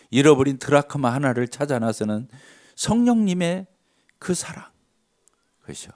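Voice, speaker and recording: A man's voice: medium pitch, a little mellow. A male pastor preaching a revival sermon, asking the congregation questions and acting out the story's dialogue. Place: church sanctuary.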